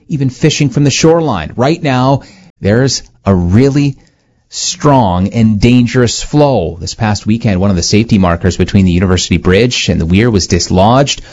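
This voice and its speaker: A man anchoring a radio newscast, reading headlines and weather briskly, heard through a tinny clock radio. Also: mid-range voice. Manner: brisk, lively headline delivery. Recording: lo-fi, dull radio broadcast sound.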